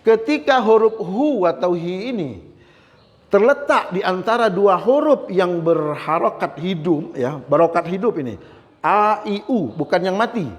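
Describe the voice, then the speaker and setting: A man with a high voice teaches Quran recitation rules, moving through each point step by step and often checking in with a quick "ya". Now and then he slowly chants a recitation example before going on with the explanation. His voice carries a long reverb tail, as if spoken in a large echoing room. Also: expressive.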